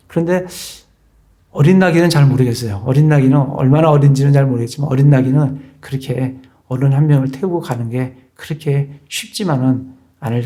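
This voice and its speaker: A middle-aged male pastor giving a measured, explanatory sermon in a church, reading scripture aloud. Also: mid-range voice, mellow.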